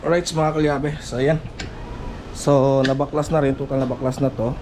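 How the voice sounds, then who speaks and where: A man's voice: mid-range voice, little pitch movement, normal speed. A man giving casual hands-on repair commentary as a mechanic vlogger, in short fragmented remarks while he works. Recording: noisy, vehicle sounds behind.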